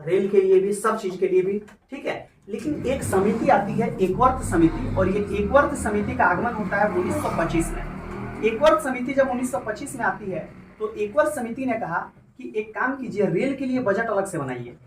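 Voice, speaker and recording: A man's voice: sits high, lively intonation, normal speed, a little hiss or hum. A male teacher giving a classroom lecture, repeating his questions and having students chant back the answers. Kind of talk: classroom lecture with call-and-response quizzing. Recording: roomy classroom recorded from far off. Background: students' voices.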